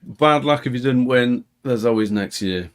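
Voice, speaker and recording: A man's voice: mid-range voice, moderate pace. A man co-hosting a podcast, casually announcing a quiz winner in an upbeat way. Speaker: podcast co-host. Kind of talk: casual chat.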